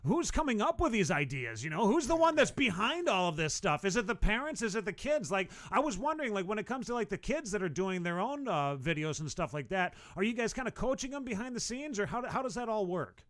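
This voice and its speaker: Male host, high voice, relaxed and filler-heavy, dry close sound. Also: brisk, hardly any pauses, no echo. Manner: relaxed, loose, with many "uh" fillers. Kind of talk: casual livestream interview.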